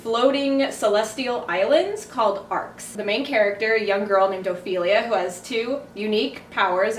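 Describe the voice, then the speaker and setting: A woman's voice: mid-range voice, slight background noise. A young woman co-hosting a casual book haul chat, earnestly summarizing plots. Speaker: booktube co-host. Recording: echoey room, from a distance.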